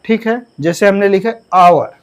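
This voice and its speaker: A man's voice: sits high, moderate pace, clear, resonant tone. A male English grammar teacher giving a lesson. He asks the class questions, answers them himself, and spells words out letter by letter.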